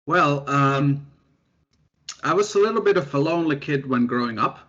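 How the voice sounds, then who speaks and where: A young man from Finland, a postdoctoral researcher telling his story in a relaxed, self-deprecating way as an interview guest. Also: fairly high pitch, moderate pace. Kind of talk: casual interview chat. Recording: dull lo-fi audio.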